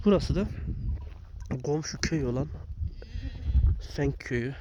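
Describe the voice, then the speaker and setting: A man, a little hoarse and phlegmy from a sore throat, explaining things plainly as he vlogs casually from his pasture as a goat herder. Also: on the high side, expressive, a little slow. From Turkey, a village in Tokat province. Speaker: goat herder and video blogger. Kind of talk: casual outdoor vlog to viewers. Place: open pasture outdoors in the countryside. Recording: noisy outdoor recording with livestock sounds. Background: goats and animal sounds, outdoor noise.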